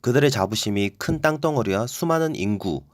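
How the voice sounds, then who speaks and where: A man host reading a scripted opinion narration, explaining his views in a steady commentary. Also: medium pitch, fairly quick, no echo, clean studio sound. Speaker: channel host.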